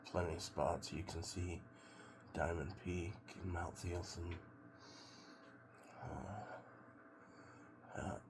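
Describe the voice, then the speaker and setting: A middle-aged American man from Oregon rambling casually to a vlog in a laid-back, halting, musing way. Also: sits low. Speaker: vlogger doing a cold plunge challenge. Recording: clear background noise of water.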